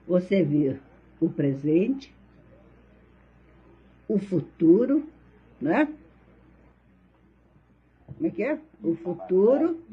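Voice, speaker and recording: A woman voicing a gentle female spirit guide who speaks softly to her spiritual daughter. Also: fairly low pitch, slightly rough, dull audio, exaggerated voice. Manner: soft, soothing.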